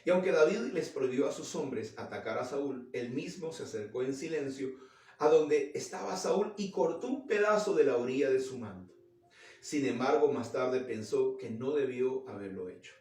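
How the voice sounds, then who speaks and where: A man's voice: medium pitch, animated, moderate pace, a little mellow. A male pastor preaching a sermon, retelling a story and asking the congregation earnest, direct questions. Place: church. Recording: roomy echo, mic at a distance.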